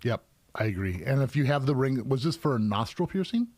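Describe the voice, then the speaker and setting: A man's voice: mid-range voice, lively intonation, a little fast, darkish tone, dry recording. A middle-aged man hosting a live question-and-answer stream as a professional piercer, explaining casually at length with plenty of fillers. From United States.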